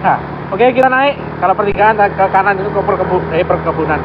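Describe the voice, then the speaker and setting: A man from Indonesia talking through a face mask in a halting, casual way, giving travel vlog commentary as he rides. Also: high-pitched, animated. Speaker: travel vlogger. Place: outdoors, riding a vehicle on a village road. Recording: dull lo-fi, loud engine and road noise.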